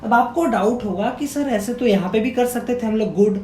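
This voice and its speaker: High-voiced male teacher, echoey room. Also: warm tone. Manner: quizzes viewers, repeating key words as questions; spells and sounds out words slowly. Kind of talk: grammar lesson to camera. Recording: echoey room with faint rumble.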